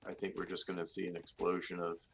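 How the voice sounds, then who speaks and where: A man co-commentating a live strategy game match, relaxed and analytical, thinking aloud. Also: deep voice, fast talker, gravelly, a little hiss or hum.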